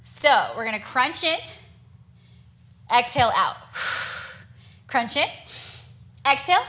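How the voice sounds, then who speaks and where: A young woman yoga instructor guides a class with encouraging, breath-timed cues, sounding slightly out of breath. Her high-pitched voice is pushed and bright, with big pitch swings, an unhurried pace and long pauses.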